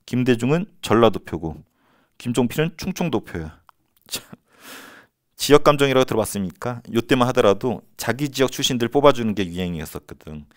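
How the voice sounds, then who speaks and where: Man, history teacher, casual lecture, animated, acts out quotes, mid pitch, dry close sound. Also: fairly quick, no echo.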